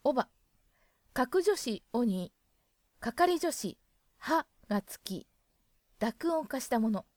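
Lively, chatty woman teaching a lesson. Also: on the high side, slow pace, long pauses, no echo, studio quality. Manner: chatty, musing aloud, acts out example lines. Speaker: dialect lesson presenter. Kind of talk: casual spoken lesson.

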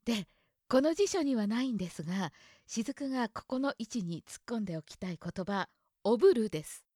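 A woman's voice: a little high, expressive, normal speed, darkish tone, slightly rough, dry recording, studio quality. A young woman from Hokkaido hosting a casual solo talk show, chatting and musing aloud about words with a light laugh now and then. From Hokkaido, Japan. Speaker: podcast host.

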